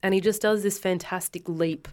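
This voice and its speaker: A woman's voice: medium pitch, fairly even intonation, normal speed. An Australian woman co-hosting a podcast, chatting casually about music with a giggly, teasing manner. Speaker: podcast co-host.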